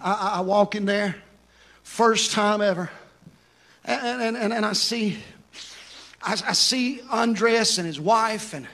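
Pastor, male, very high voice, fervent sermon delivery with sung phrasing. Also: vocal fry, a bit bright. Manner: impassioned preaching with sung, drawn-out phrases; repeats words when telling stories. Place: church.

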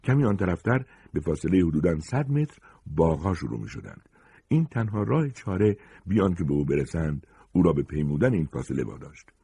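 A man reading a short story aloud with expressive, dramatic narration. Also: low voice, slightly rough.

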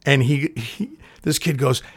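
In a casual chat, a man rambles through stories, swearing often and acting out the scenes. His medium-pitched voice is husky and unhurried, and the recording is dry.

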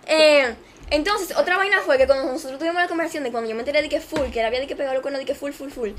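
High-voiced quick woman telling a story. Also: background noise. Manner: animated storytelling, slangy. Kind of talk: casual chat.

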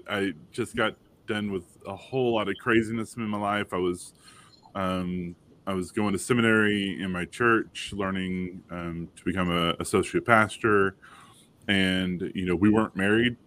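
Man, thirties, lowish voice, halting storyteller full of fillers. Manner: halting, many fillers and restarts, lively when quoting others. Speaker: panel guest father. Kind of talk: casual storytelling on a panel.

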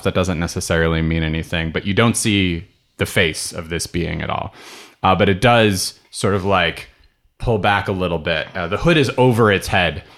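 Low-voiced man running a tabletop game. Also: a bit bright. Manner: loose, rambling narration with many fillers. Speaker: game master.

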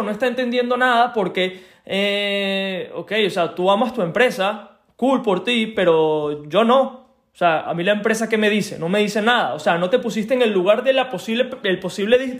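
A man coaching network marketers in a blunt tough-love manner, chatty and laughing between points, tagging lines with "ok?". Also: high-pitched. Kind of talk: direct-to-listener advice talk.

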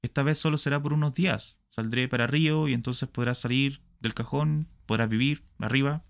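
A man voicing a calm middle-aged gentleman who speaks gently and soothingly to his double. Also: mid-range voice, a little fast, creaky, pitched above the performer's own voice, close to an everyday voice. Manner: calm, placating.

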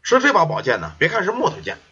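A man telling a folk ghost story in a lively, colloquial storytelling manner. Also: on the high side, fast, slightly rough. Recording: dull lo-fi recording.

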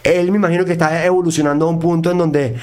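A man's voice: fairly high pitch, steady tone, rapid-fire, darkish tone. A man with a Venezuelan accent mixed with Mexican slang, chatting informally and profanely as a singer being interviewed. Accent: Venezuelan Spanish with Mexican slang. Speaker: interview guest, singer and producer. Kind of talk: casual conversational interview.

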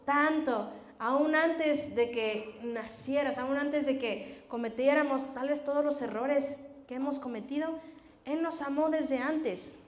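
A woman giving a Bible teaching talk, often asking her listeners questions and answering them herself, with a frequent "ajá". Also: sits high. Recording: roomy echo.

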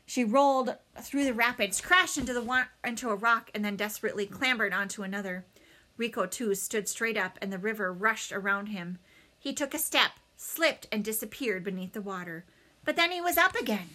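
A woman narrates a storybook chapter with dramatic expression. Her voice sits a bit higher than most women's, and she leans into the action as she reads. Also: fairly bright tone. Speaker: audiobook reader. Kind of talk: storybook read-aloud.

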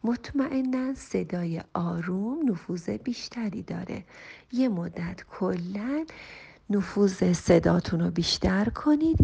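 In a recorded reply to a listener, a woman family counselor reads the question aloud and offers earnest, emphatic guidance on parenting. She has a creaky, husky, medium-pitched voice that is a little mellow, with the high frequencies cut off, and she slows down and lifts her tone for emphasis.

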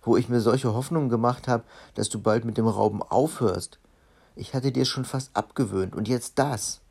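A man's voice: medium pitch, fairly even intonation, normal speed, creaky, darkish tone, slightly rough. A man voicing a tiny, nagging woman from a storybook who scolds her robber husband. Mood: angry.

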